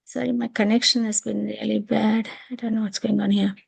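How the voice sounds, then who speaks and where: A middle-aged woman, a nephrology consultant, speaking over a choppy, dropping video call connection, halting and apologetic as she loses her place. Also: mid-range voice, level tone, gravelly, a little mellow, breathy edge, dry recording. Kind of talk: online panel talk.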